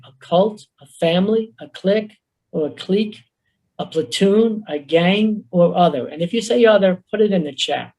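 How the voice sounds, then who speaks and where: A man with a Bronx accent giving an earnest, fast-paced webinar talk as a social worker over a video call. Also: fairly high pitch, vocal fry, a little mellow, rough recording. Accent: New York Bronx.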